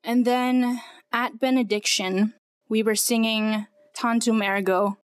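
A woman's voice: fairly high pitch, steady tone, slow, smooth, no echo, studio quality. Earnest young woman telling her story. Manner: earnest, storytelling, many "like" fillers. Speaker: podcast guest. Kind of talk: personal testimony in conversation.

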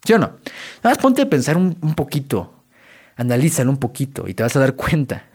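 A man's voice: medium pitch, big pitch swings, brisk, a little mellow, slightly rough. A man with a Mexican Spanish accent hosting a self-help podcast, talking straight to the listener in a casual, direct monologue. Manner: direct, conversational, addresses listener as tú. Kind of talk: motivational monologue.

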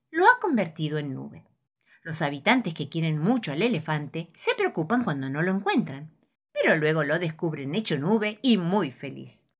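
A woman's voice: low voice, breathy edge, heavily acted. A woman voicing an earnest male cricket teacher in a storybook, encouraging and explaining like a teacher.

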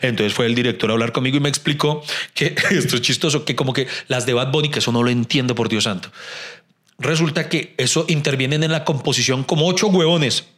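A Colombian man casually telling a story, animated and jokey, swearing freely and acting out dialogue. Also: mid-range voice, quick pace.

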